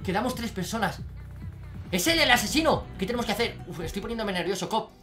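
This let's-play commentary comes from a young YouTuber with a Spanish accent from Spain, his high voice moving fast. Faint music sits in the background as he gets excited and shouts every so often.

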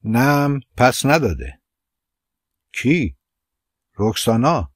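A man reading the part of an anxious young man in an audiobook, speaking hushed and slow. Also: mid-range voice, big pitch swings, no echo, studio quality. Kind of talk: audiobook character voice.

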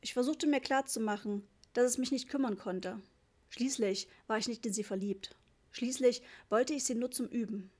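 Woman audiobook reader, lively storyteller, fairly high voice. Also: normal speed. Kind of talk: scripted audiobook narration.

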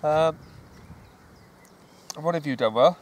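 A man's voice: on the high side, slow, low-quality recording. A man, chatting upbeat on a lakeside bank as he films a day of fishing and talks with a young boy. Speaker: angler filming a fishing day. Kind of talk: casual outdoor commentary. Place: grassy lakeside bank outdoors. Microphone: handheld camera, sometimes held at arm's length. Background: wind noise.

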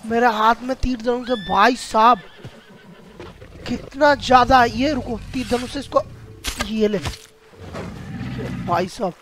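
Man, gameplay commentary, excitable, high voice, Hindi-speaking Indian accent, game noise behind. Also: slow pace, pauses often. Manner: excitable, addresses viewers as guys.

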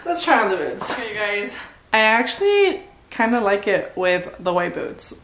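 Filmed in an echoey room with slight background noise, this young adult fashion vlogger talks through a casual try-on haul. Her mid-range voice is very animated, a bit bright, at normal speed, and she keeps chatting bubbly to her viewers with endless "you guys."

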